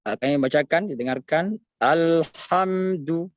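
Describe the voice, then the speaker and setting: A man teaching Quranic recitation in an online lesson, patiently showing each sound slowly and correcting it, sometimes breaking into a drawn-out melodic chant. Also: mid-range voice, dry recording.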